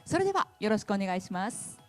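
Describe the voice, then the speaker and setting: A woman announcing the next speaker at an event in a brisk, formal way. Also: medium pitch, sing-song, faint music behind. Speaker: event emcee.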